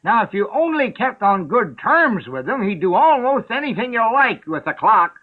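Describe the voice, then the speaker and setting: A man's voice: high voice, big pitch swings, normal speed, voice pushed up. A man voicing the Hatter, an eccentric, rude, riddling man, with an abrupt, theatrical delivery. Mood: excitable. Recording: narrow phone-like sound.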